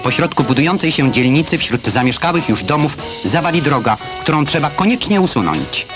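A man narrating a 1970s newsreel voice-over, crisp and declamatory commentary read over footage. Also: on the high side, big pitch swings, a little fast. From Poland. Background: loud film score music.

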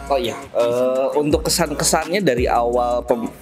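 A young man who organized the tournament chats casually in an interview on a cafe stage indoors, in front of a decorated wall. He's relaxed and talkative, with many fillers and laughs, speaking at a normal speed in a medium-pitched voice over background music.

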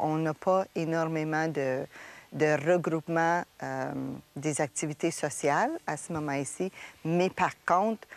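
A woman, speaking casually and plainly in a documentary interview. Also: low voice.

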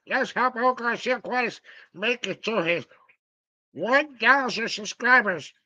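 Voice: medium pitch, sharp tone, no room sound, muffled recording. A voice delivering an upbeat call to action that urges viewers to like, share and subscribe. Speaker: promo voice urging viewers to subscribe.

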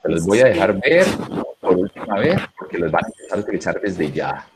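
A man with a lowish voice leads an online English class, spelling out past-tense endings and repeating each word deliberately for his students. A faint hiss sits under his voice. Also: big pitch swings. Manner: drills pronunciation slowly, repeating words. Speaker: English teacher.

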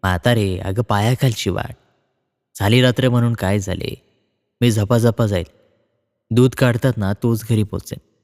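A man's voice: fairly low pitch, normal speed, long pauses, darkish tone, pitched below the performer's own voice, lightly acted. A man voicing a fearless village landlord who shrugs off warnings and later begs robbers for his life. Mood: dismissive. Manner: brushing off, then pleading. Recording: long reverb.

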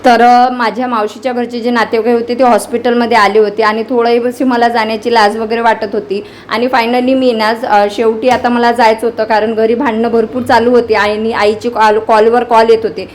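A woman in her thirties speaks in a fairly high voice, chatty yet earnest as she vlogs from her small tea shop. She sounds aggrieved and keeps talking straight to the phone camera. A faint hiss of noise sits under her voice. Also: little pitch movement, normal speed, few pauses. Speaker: vlogger and tea shop owner. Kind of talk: casual vlog, talking to camera.

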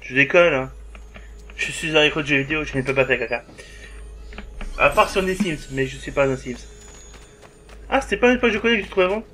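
A man's voice: a little high, a little fast, long pauses, pushed and bright. A man with a swearing, joking manner, giving a let's play commentary and talking back to the game. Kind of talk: gameplay commentary.

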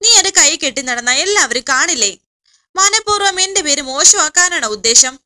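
A woman's voice: sits high, expressive, moderate pace, pushed and bright, heavily acted. Brusque scolding young man, read by a woman narrator. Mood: impatient. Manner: curt, scolding. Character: impatient curt young man.

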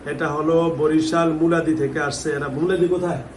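Guy, healer, keeps coaxing and asking again and again, kinda high voice, mic sits far off in an echoey room with faint noise. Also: fairly even intonation, a little fast. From Bangladesh. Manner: coaxing, insistent questioning. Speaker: Islamic healer and mufti. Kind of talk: live session addressing camera and visitors.

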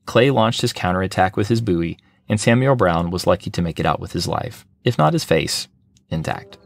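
Male podcast host, deep and dry, measured reader of scripted history. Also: vocal fry, no echo. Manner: steady, measured reading.

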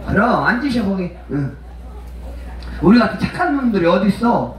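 At an outdoor festival, a pumba street performer trades bawdy comic banter with the audience, brashly teasing them and addressing people as mother and father. His high-pitched voice swings widely in pitch at a moderate pace. Heavy echo makes him sound distant.

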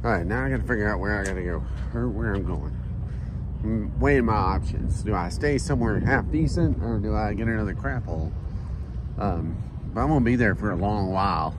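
A man with a fairly low voice talks casually, as if filming his own travels. He rambles along and drops wry asides at his own expense. The recording is made on location, with very loud vehicle and outdoor noise around the voice. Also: a little fast. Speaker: travel vlogger. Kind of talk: casual rambling vlog narration.

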